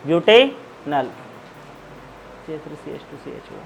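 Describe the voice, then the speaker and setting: A man's voice: on the high side, very animated, slow, creaky, background noise. A man teaching a chemistry class in a classroom, asking students questions and repeating the answers. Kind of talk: classroom lecture.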